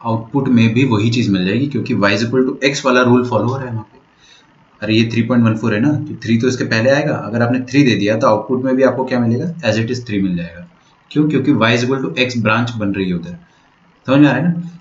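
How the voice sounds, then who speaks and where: A male maths teacher gives an online lecture, explaining patiently step by step and often checking whether students follow. His medium-pitched voice moves a little fast, and the recording is dull and lo-fi in an echoey room.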